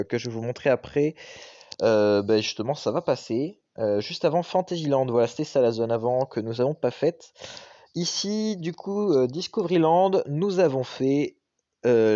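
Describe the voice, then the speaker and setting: A man's voice: mid-range voice, mellow, no room sound. A young man doing a casual, enthusiastic vlog voice-over, with frequent hesitations. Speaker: vlogger. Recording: dull lo-fi dry recording.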